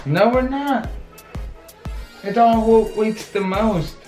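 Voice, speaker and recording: A man's voice: high voice, takes it slowly, darkish tone. A man hosting a challenge vlog with casual, goading banter. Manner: cocky, goading. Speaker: host of an eating challenge video. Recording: echoey room with music.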